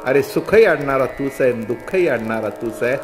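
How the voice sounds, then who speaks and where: A man's voice: mid-range voice, expressive, fairly quick, over music, voice pushed down, close to an everyday voice. An older man voicing a frightened young woman who has fallen into a well, pleading and calling out for help within a sermon story. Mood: prayerful.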